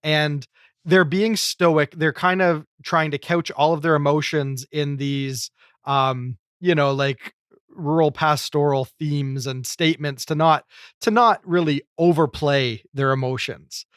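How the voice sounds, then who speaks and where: A man hosting a comedy podcast, talking in a thoughtful, measured way. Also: on the high side, fairly even intonation, a bit bright, smooth, dry recording, studio quality. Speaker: podcast host. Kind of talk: casual chat.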